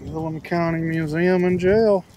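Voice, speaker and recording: A man's voice: on the high side, steady tone, unhurried, warm tone, dull audio, a little hiss or hum. A man, chatting casually as a travel vlogger and reading signs aloud outdoors. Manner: chatty, jokey, reads plaques aloud. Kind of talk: casual tour chat. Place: outdoors in a small town, windy.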